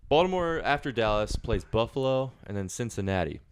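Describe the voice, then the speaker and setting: A man's voice: medium pitch, very animated, brisk, slight background noise. A man hosting a casual sports betting podcast, blunt and profane as he talks. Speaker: podcast host.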